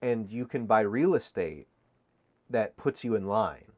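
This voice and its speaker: A man with a somewhat low voice chats casually as a guest on a stream. He speaks quietly, chuckles often and tosses out offbeat ideas. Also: lively intonation, unhurried. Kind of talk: casual chat.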